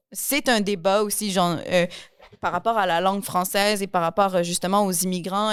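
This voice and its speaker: A woman's voice: mid-range voice, clean tone, dry recording, studio quality. A young woman from Quebec with a Québécois accent, hosting a podcast interview and talking in a chatty, enthusiastic way with frequent restarts. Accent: Québécois French. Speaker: podcast host. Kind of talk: casual interview conversation.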